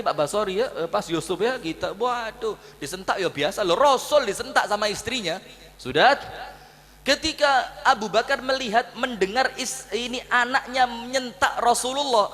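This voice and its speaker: A man with a Javanese-tinged Indonesian accent preaching a humorous sermon, acting out dialogue and telling jokes in a lively storytelling style. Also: high voice, in a large hall.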